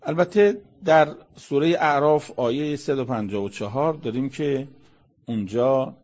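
Male religious lecturer, husky timbre, conversational sermon, rhetorical questions, dull lo-fi recording. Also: mid-range voice, darkish tone. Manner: rhetorical questions, reciting Arabic verses then explaining them. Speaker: religious lecturer explaining Quran verses.

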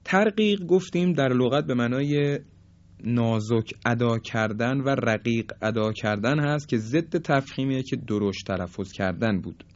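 A man teaching tajweed in a recorded lesson, patiently explaining and slowly demonstrating pronunciations. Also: mid-range voice, muffled recording. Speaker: Quran recitation teacher.

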